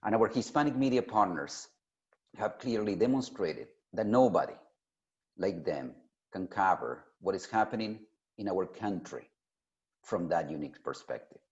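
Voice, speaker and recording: Male keynote speaker, lowish pitch with very lively swings, emphatic delivery, slightly dull lo-fi recording. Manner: emphatic, deliberate, with pauses for emphasis. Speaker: keynote speaker at an industry summit. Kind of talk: prepared keynote address. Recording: dull, lo-fi sound.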